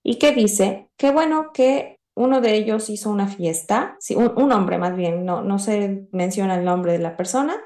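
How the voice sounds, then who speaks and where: Mellow woman telling a teaching story. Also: mid-range voice. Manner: halting, many fillers and restarts, addresses listeners. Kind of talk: storytelling lesson. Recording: roomy echo.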